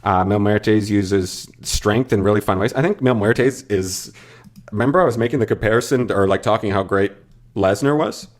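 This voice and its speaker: A man's voice: fairly low pitch, normal speed. A man co-hosting a casual wrestling review podcast, enthusiastic and rambling. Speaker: podcast co-host.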